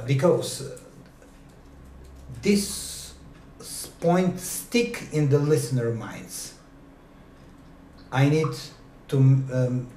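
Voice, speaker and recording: A man lecturing a university class, speaking slowly and deliberately with many pauses and fillers. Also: mid-range voice, mellow, roomy sound, far from the mic, slight background noise.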